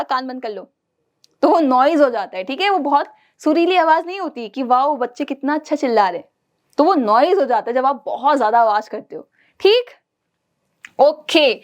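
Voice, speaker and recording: Woman teacher, high voice, lively kids' lesson, mimics everyday sounds. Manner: lively, addresses children directly, imitates everyday sounds. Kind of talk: online class lesson for children.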